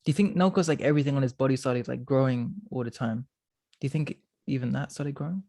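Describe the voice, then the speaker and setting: Speaking fast in a dark, medium-pitched voice, a podcast co-host in his twenties keeps things casual. His chat is packed with filler words.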